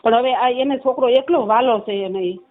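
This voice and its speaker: A woman's voice: a little high, moderate pace. Hesitant middle-aged woman caller on phone. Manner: hesitant, rambling, restarts often. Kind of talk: phone call complaint. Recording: tinny phone line.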